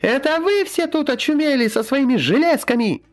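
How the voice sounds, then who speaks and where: A man reading an audiobook, voicing a brash young female healer who loudly scolds everyone. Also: extremely high pitch, lively intonation, normal speed, soft background music, pitched above the performer's own voice. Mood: scolding shrill.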